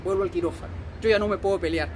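Racing along in a high-sitting voice with a steady tone, a man from Peru in his fifties, a political vlogger with a Peruvian Spanish accent, delivers a furious rant full of curses and harsh scolding. Slight background noise is present.

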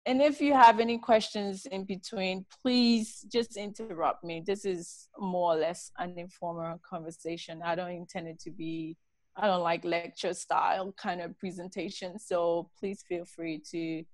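A tired middle-aged woman from Liberia, giving a relaxed, chatty talk over a laptop video call from a home study. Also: on the low side, measured pace, no room sound. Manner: relaxed, chatty, laughs often. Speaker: guest speaker.

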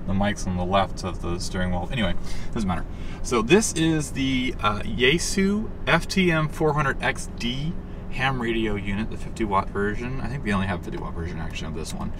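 A man casually walking through the gear mounted in his truck cab, with lots of fillers and a rambling, relaxed manner. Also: on the low side. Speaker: overlanding vlogger. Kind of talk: casual equipment walkthrough. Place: inside a parked truck cab. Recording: distant mic with audible background noise.

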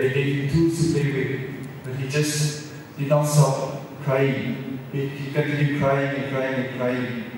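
A man's voice: medium pitch, dark tone, a little hiss or hum. A man telling a folk tale at a college fest, repeating words and restarting for drama. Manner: repetitive, dramatic, many restarts. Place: large hall at a college event. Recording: echoey hall, mic far off.

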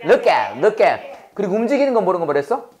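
A man's voice: sits high, brisk. Chatty male teacher running repeat drills. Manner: animated, chatty, laughs often, asks the class questions. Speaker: Bible English teacher and pastor. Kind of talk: classroom English lesson with call-and-repeat drills.

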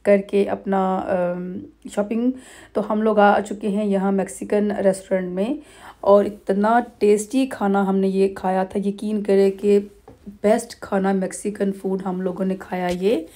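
A family holiday vlog is narrated over its clips by a middle-aged woman from Pakistan. She speaks at a medium pitch, loosely and relaxed, often stopping and using fillers.

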